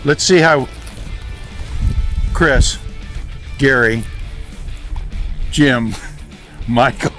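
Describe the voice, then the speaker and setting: A man coaching a group of riders outdoors, explaining each step patiently in loose, halting sentences. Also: mid-range voice, sharp tone, soft background music. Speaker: riding coach. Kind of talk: hands-on outdoor instruction. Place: outdoors on a desert training ground.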